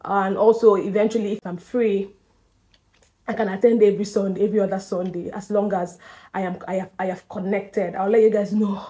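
A woman's voice: mid-range voice, steady tone, brisk, mellow. A young woman vlogging to camera in a chatty, emphatic way, laughing often, a little nervous and slightly out of breath. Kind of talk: casual talk to camera.

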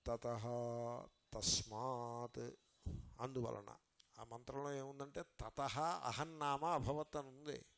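A man giving a scripture lecture as a Vedanta teacher. He explains step by step, asks rhetorical questions and recites Sanskrit verses slowly. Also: mid-range voice, fairly even intonation, gravelly, a bit bright.

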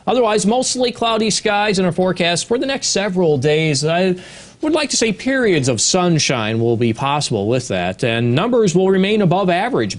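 A male TV meteorologist delivering a morning weather forecast in an upbeat manner. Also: on the high side.

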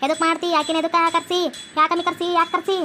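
Woman voicing a bossy cartoon mother-in-law, North Karnataka Kannada accent, very high, rapid-fire scolding. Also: flat delivery, bright, forceful tone, a little hiss or hum. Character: bossy sharp-tongued older mother-in-law. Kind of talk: cartoon voice acting.

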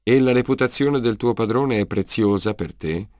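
A man's voice: mid-range voice, moderate pace, a little mellow, dry recording, natural voice. A man voicing a weary male detective in an audiobook, asking dry, probing questions. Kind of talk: audiobook character reading.

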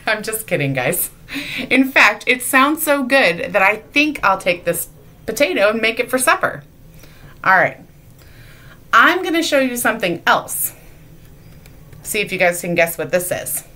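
A woman leading the children's sermon in a church sanctuary uses a bright, forceful, mid-range voice. Her object lesson is playful, full of teasing and questions aimed at the young ones.

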